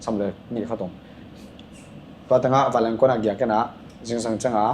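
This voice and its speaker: Appearing as a guest on a casual podcast, a man speaks quickly, telling loose, rambling stories packed with filler sounds. His voice is on the low side, fairly even and a little mellow, echoing in a room with a faint ambient hum.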